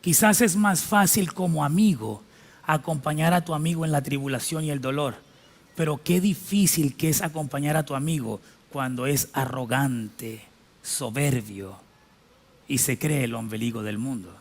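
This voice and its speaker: A middle-aged male pastor with a slightly high voice preaches emphatically, drawing out his phrases slowly and spelling out words.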